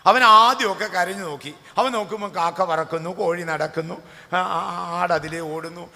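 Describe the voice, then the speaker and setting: A man preaching a Pentecostal sermon as pastor, telling stories in a casual way and rising to shouted calls for the congregation to say hallelujah. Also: high voice, fairly even intonation, a little fast. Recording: long hall reverb.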